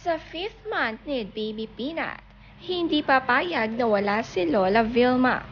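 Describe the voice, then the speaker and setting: A woman's voice: high voice, expressive, a little slow, highs cut off, slight background noise. A woman reading a chatty, gushing showbiz gossip narration. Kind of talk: scripted narration.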